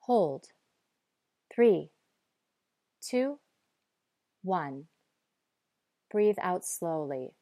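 Slow, calm woman guiding relaxation. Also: fairly low pitch, no echo, clean studio sound. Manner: calm, measured, instructive. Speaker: guide. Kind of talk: guided breathing and muscle relaxation.

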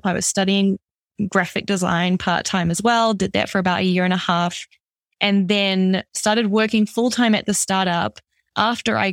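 A woman's voice: medium pitch, dry recording, clean studio sound. A young woman with a New Zealand accent, a product designer chatting as a podcast guest in an upbeat, easygoing way. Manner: upbeat, chatty, lots of "like" fillers. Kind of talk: conversational interview.

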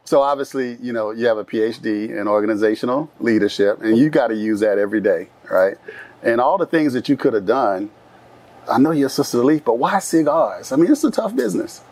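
A man hosts a relaxed interview in an upbeat, encouraging way. He speaks informally, with slangy affirmations and easygoing questions. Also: mid-range voice, fairly quick. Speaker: podcast host. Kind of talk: casual interview chat.

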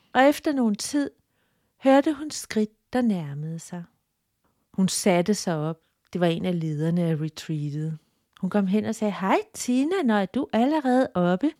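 A woman narrating a guided story in a soft, calm, partly whispered voice. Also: mid-range voice, no echo, studio quality.

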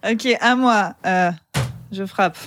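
A woman's voice: medium pitch, slow pace, a bit bright. A woman playing a party card game on a podcast, chatting casually with amused, confused exclamations.

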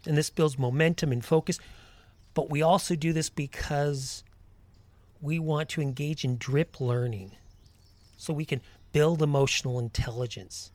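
Higher-voiced man guiding listeners, very dry sound. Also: measured pace, a little mellow, dry recording. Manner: encouraging, instructive, addressing the listener directly. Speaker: host of a guided mindfulness walking podcast. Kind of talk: guided walking meditation and motivational talk.

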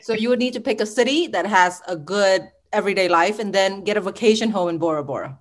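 A woman's voice: medium pitch, quick pace. A young adult woman from Vietnam, raised in Texas, hosting a podcast in a friendly, easygoing chat. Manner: friendly, easygoing, laughs lightly. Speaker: podcast co-host. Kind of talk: casual chat.

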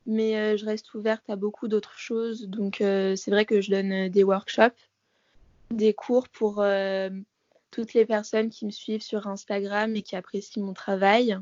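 A woman's voice: mid-range voice, flat delivery, measured pace, a little mellow, dry recording. An eighteen-year-old woman, a dancer, chatting loosely with plenty of fillers while heard over a phone call line. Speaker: dancer, interview guest. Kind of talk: casual chat.

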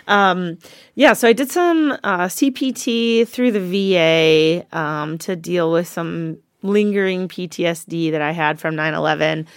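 A woman's voice: lowish voice, measured pace, no echo, studio quality. A woman in her forties co-hosting a podcast, talking frankly in casual chat with frequent ums. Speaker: podcast co-host.

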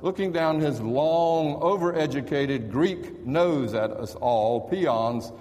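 A man's voice: on the high side, slow pace, darkish tone, in a large hall. A man preaching a sermon in a conversational, storytelling manner. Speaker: pastor.

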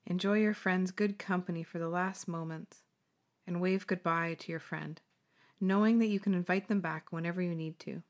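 A woman hosting a guided meditation, speaking slowly and soothingly with gentle pauses. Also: lowish voice, steady tone.

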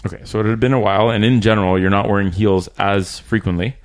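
Male podcast host, lowish voice, conversational and halting, recorded in a small room. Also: fairly even intonation. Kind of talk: casual interview chat. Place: small room in a rented apartment.

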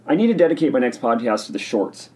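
A man hosting a casual solo podcast, talking in an excitable, rambling, opinionated way while sipping a drink. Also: mid-range voice, quick pace. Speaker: podcast host.

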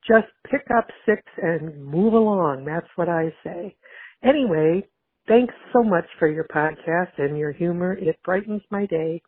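A woman's voice: on the low side, a little slow, breathy edge, dry recording. A woman leaving a voicemail for a podcast as a listener caller, chatty and mildly exasperated as she complains. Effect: voicemail played over a phone line. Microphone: telephone. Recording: tinny phone-line voicemail.

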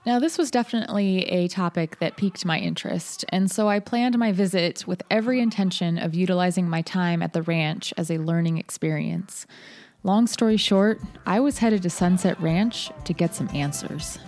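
A woman hosting a storytelling podcast, reading scripted first-person narration in a measured, articulate way. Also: fairly low pitch, darkish tone, faint music behind.

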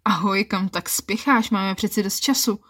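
A woman's voice: mid-range voice, fairly bright tone, natural voice. Woman voicing an easygoing young boyfriend. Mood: relaxed. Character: young adult man, eager boyfriend.

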